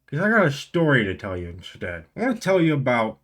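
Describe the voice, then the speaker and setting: A man's voice: medium pitch, huge pitch swings, quick pace, a bit bright. A young man telling a story casually to camera as a vlog host, enunciating carefully through a tongue and cheek left numb by the dentist, slightly slurred. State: mouth numb on one side after the dentist, slightly slurred. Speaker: video host.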